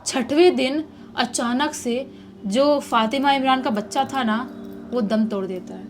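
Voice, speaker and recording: A woman narrates a true horror tale in a relaxed, chatty way, with a fairly high voice. Faint music runs underneath. She recounts the events plainly, like telling a friend. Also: unhurried. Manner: casual, conversational retelling. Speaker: horror storyteller.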